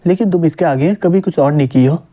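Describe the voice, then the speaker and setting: A man's voice: a little high, brisk, mellow, close to an everyday voice. A man reading an accusing jealous young woman.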